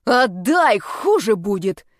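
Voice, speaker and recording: A woman voicing a hot-tempered young witch who scolds and threatens in shrill outbursts. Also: expressive, a little fast, darkish tone, no echo, clean studio sound, natural voice. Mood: furious.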